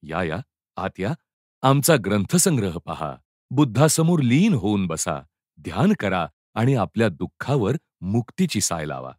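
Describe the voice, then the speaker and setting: Brief: peaceful, courteous monk, read by a male narrator, quiet and unhurried, lively pitch. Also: no room sound, studio quality. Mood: welcoming. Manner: soft, calm, courteous. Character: serene old Buddhist monk, gentle, welcoming.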